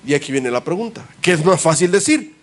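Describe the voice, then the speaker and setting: A man's voice: fairly high pitch, very animated, fairly quick. A man, a pastor preaching a sermon in a church, speaking emphatically to his congregation and posing rhetorical questions. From El Salvador.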